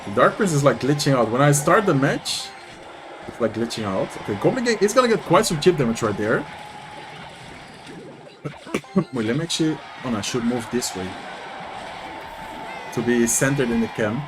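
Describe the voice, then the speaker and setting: On a rough recording with music behind him, a young Dutch-accented man talks a little fast at medium pitch. This streamer and content creator is chatty and animated, commenting on matches and replying to his live chat as he goes.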